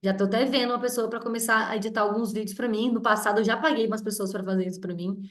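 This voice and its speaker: A woman's voice: a little high, steady tone, very fast. A woman in her thirties with a strong voice, chatting directly as she leads a group meeting. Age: 30s. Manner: chatty and direct, with many restarts and tag questions. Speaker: mentor leading a group meeting. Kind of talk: casual teaching talk. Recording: roomy echo.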